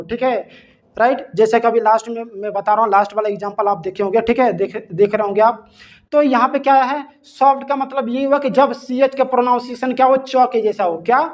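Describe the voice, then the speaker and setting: This is a grammar lesson in a classroom style, led by a man with a very high-pitched, slightly mellow voice. He spells words letter by letter and asks rhetorical questions.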